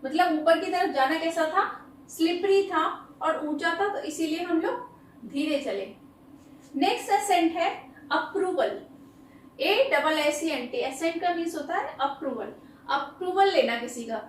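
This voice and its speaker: A woman with an Indian accent teaching English words in Hindi, spelling them out letter by letter and reading example sentences very slowly. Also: extremely high pitch, expressive, roomy sound, recorded from a distance, slight background noise, rough recording. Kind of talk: Hindi-English vocabulary lesson.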